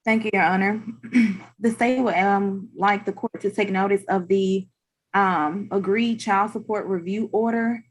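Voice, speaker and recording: A woman with a mid-pitched voice speaks as an attorney for the state. Her delivery is formal and procedural, with halting phrasing. She is heard over a video call. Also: fairly even intonation, low-quality recording. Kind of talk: formal courtroom questioning.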